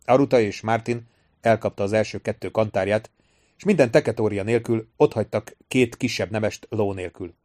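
A man's voice: fairly low pitch, darkish tone, no echo, clean studio sound. Man reading an audiobook steadily. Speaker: audiobook narrator. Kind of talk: scripted narration.

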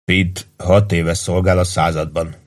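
A man voicing a calm, practical army sergeant who gives advice in a level, matter-of-fact way. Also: sits low, close to an everyday voice. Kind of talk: audiobook character voice.

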